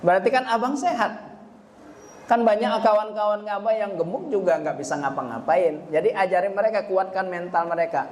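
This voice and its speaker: A man's voice: high-pitched, fairly quick, a little mellow. A middle-aged man, a religious teacher giving a parenting lecture at a study gathering. He keeps turning to the audience and acts out what parents and children say.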